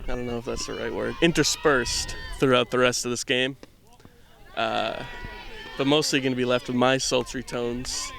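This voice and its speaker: A young man, doing offhand, self-deprecating live commentary of a softball game from outdoors on a headset mic. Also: mid-range voice, steady tone, normal speed, creaky, a little hiss or hum. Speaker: camera operator and commentator. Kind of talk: casual live sports commentary.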